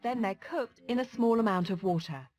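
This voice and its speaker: A woman's voice: mid-range voice, moderate pace, darkish tone. A woman with a British accent reading scripted cookery narration as a presenter. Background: music.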